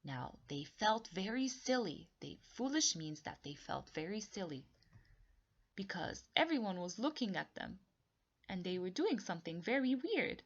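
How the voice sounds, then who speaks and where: A woman with a medium-pitched voice reads a children's story aloud, expressive and deliberate, repeating and explaining things simply for young listeners. The audio is dull.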